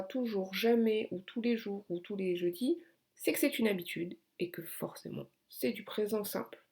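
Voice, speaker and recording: A woman walks learners through a grammar lesson, patient and clear, leaning on the words that matter. Her voice carries a gravelly, creaky edge at the bottom of her phrases. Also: medium pitch, darkish tone. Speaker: English teacher.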